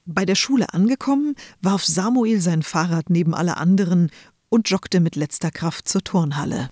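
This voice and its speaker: A woman narrating a children's Christmas story as an audiobook, in calm, even storytelling. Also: lowish voice, moderate pace, no echo, clean studio sound.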